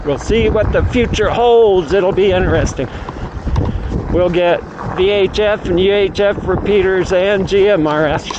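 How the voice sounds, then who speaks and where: A middle-aged vlogger and amateur radio operator chats casually on a mountain bike trail, rambling and musing aloud to himself. His voice is high-pitched and a little slow, and the outdoor audio is muffled with clear background noise.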